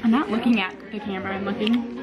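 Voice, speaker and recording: A woman's voice: mid-range voice, fairly even intonation, fast, lo-fi sound. A young woman in her early twenties chatting casually to a vlog camera like a mock-serious reviewer. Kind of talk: casual vlog chat, taste test. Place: busy indoor kitchen. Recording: loud crowd chatter behind.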